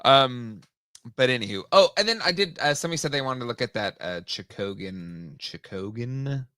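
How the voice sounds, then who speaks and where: A man's voice: medium pitch, expressive, normal speed, sharp tone, dry recording, clean studio sound. A man hosting a casual talk show, rambling with lots of fillers and restarts. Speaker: podcast host. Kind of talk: casual chat.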